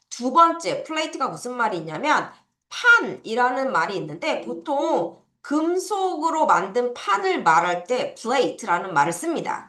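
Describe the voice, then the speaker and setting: A woman teaches a children's vocabulary lesson with a bright, clear tone, leading slow repeat-after-me drills. Her pitch moves around a lot, and she sits slightly high for a woman. The sound carries a noticeable room echo. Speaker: English teacher. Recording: echoey room.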